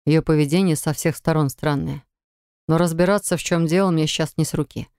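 A woman reading first-person audiobook narration in a measured, even way. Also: deep voice, smooth, no echo, studio quality.

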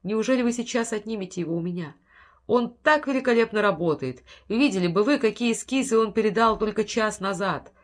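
A woman's voice: medium pitch, animated, brisk, a bit bright. A woman reading an audiobook, voicing a frail old man who pleads with breathless urgency. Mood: pleading. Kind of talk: audiobook character voice.

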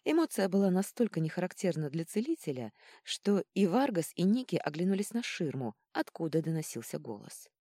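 A woman reads a fantasy audiobook in an expressive storytelling manner. Her voice sits low and warm, with lively pitch movement. The recording is dry and close. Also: a little fast, few pauses, no echo. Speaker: audiobook narrator. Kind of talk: audiobook narration.

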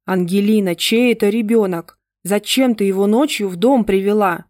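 A woman's voice: mid-range voice, moderate pace, darkish tone, no room sound, studio quality, lightly acted. A woman reader voicing a nervous, exasperated young father with tense, agitated outbursts. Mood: demanding. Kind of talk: audiobook reading.

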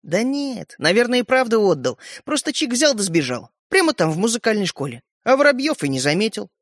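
A man voicing a quick-witted, proud young boy who explains things plainly. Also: high voice, sing-song, fairly bright tone, no echo, studio quality, voice pushed up, exaggerated voice. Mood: explaining.

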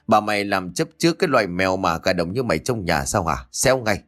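A man voicing a furious old village matriarch, hurling curses in a fast tirade. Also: lively intonation, a bit bright. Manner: shrill cursing tirade.

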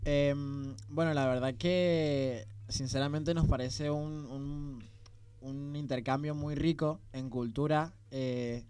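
Teen boy, Argentine accent, smooth voice, fairly high, halting, student radio host. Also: steady tone, a little mellow. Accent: Argentine Spanish. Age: teens. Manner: halting, many fillers and restarts. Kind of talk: casual interview. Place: school radio studio.

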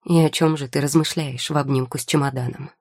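A sly, mocking young man, a rival potion-maker who keeps pressing with dry questions, as a woman reads him in an audiobook. The voice sits low and dark with a husky edge. It is close and dry, with no room around it. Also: fairly even intonation, quick pace, no echo. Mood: teasing. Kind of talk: audiobook character voice.

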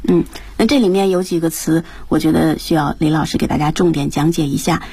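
A woman's voice: low voice, fairly even intonation, a little fast, warm tone, slightly rough, no echo. A woman hosting a radio English lesson, guiding the discussion by posing questions and repeating words after the reader. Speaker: host.

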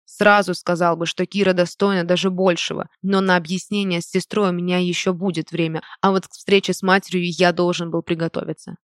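An audiobook reader narrating a first-person novel in a measured, even way, recorded close to the mic. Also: medium pitch, clean tone, no echo.

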